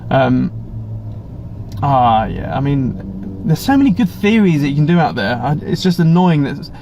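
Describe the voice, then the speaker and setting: Here the English streamer sounds fairly high-pitched and sing-song, talking a little slowly as he reads viewer chat during a casual live Q&A. He's chatty and rambling, with blunt asides and many restarts. His webcam audio comes through slightly muffled, with background noise.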